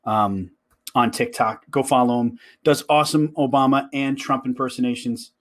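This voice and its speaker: A man's voice: mid-range voice, fairly even intonation, moderate pace. A man co-hosting a casual podcast chat, loose and jokey, laughing often. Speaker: podcast co-host.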